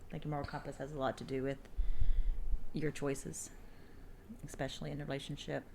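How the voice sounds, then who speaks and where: A woman co-hosting a casual podcast chat, relaxed, chatty and teasing. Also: deep voice, a little fast, vocal fry, a little hiss or hum. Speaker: podcast co-host.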